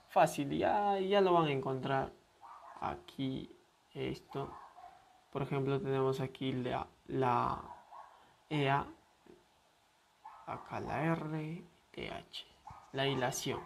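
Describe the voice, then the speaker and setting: Guy teaching english pronunciation, talks real slow, says each word a few times, bit of hiss in the background. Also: medium pitch, steady tone, creaky. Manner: slow, patient, repeats words for practice. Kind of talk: pronunciation lesson.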